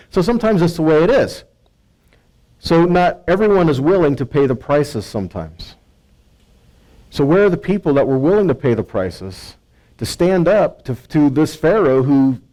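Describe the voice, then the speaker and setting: On a rough recording, an American man with a dark voice on the high side preaches in a conversational teaching style. He reads Bible verses and explains them, throwing out rhetorical questions and checking in often with "right" and "okay."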